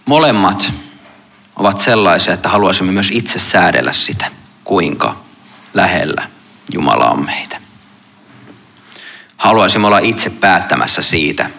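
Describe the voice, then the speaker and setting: Low, gravelly-voiced male pastor. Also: sharp tone. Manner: measured, with long pauses between phrases. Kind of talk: gospel reading and sermon.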